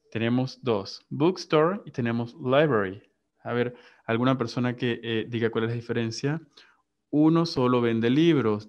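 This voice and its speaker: A man teaching an online English class in Spanish and English, patiently repeating vocabulary and calling on students. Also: mid-range voice. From Latin America. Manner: patient, repeats and drills words aloud. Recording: muffled online class audio.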